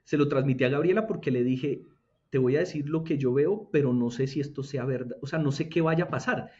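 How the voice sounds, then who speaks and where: Guy telling his faith story, earnest and halting, mellow voice, dull lo-fi sound. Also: medium pitch. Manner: earnest, halting, repeats words as he tells it. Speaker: interview guest giving a faith testimony. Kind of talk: emotional personal testimony.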